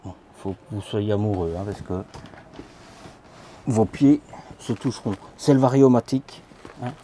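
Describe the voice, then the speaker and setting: A camper van vlogger with a lowish, dark-toned voice talks at normal speed, with a little hiss or hum in the audio. Filming on a handheld phone inside vans in a big indoor trade show hall, he gives a chatty, informal walkthrough full of fillers, addressing the viewer as "tu."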